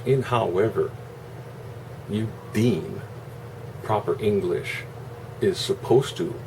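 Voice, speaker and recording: This online video host, a man with a low-sitting voice, rambles through a casual, opinionated monologue with a sarcastic, salty edge. The mic is distant, and the noisy room carries a constant air-conditioner hum.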